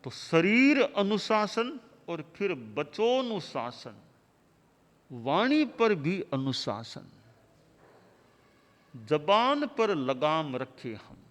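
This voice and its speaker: A man delivering a sermon as a spiritual teacher, in measured, rhythmic lists of short phrases. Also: fairly high pitch, big pitch swings, a bit bright. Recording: long hall reverb.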